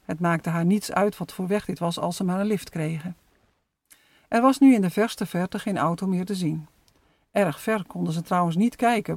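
Brief: calm storyteller, mid pitch, close dry mic, steady children's story narration. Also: dry recording.

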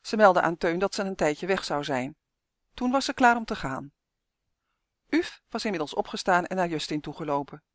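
A woman narrating a children's fantasy story in a measured, expressive way. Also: on the low side, no room sound, studio quality.

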